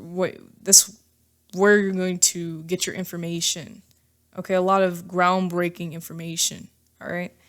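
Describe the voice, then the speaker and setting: Lower-voiced woman giving a casual tarot reading. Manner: reassuring, ends many phrases with "okay?" and "all right?"; chatty and informal, with fillers and asides. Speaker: tarot reader. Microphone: microphone.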